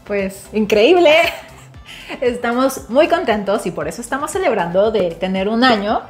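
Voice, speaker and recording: A woman's voice: on the high side, animated, unhurried. Woman, 30s, Mexico City accent, upbeat co-host, lapel mic, light music under. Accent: Mexican Spanish. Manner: cheerful, laughs often. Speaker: co-host, Spanish teacher. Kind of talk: casual bilingual chat. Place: home kitchen.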